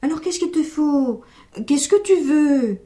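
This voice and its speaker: A woman voicing a worried, kindly old male goat farmer in a storybook reading, pleading and exclaiming loudly. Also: high-pitched, expressive, measured pace, pitched above the performer's own voice.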